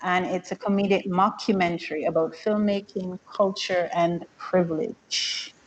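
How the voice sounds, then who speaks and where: A woman presenting at an online meeting, reading film synopses and filmmaker bios in a steady, careful way. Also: lowish voice, measured pace, a little hiss or hum. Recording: dull lo-fi online meeting audio.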